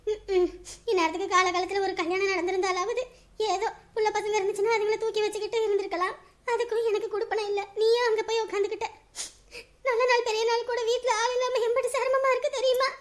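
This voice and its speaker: A woman's voice: very high voice, level tone, fast. An actress playing a lonely, tearful village mother who pleads and coaxes tenderly. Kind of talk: Tamil web drama acting.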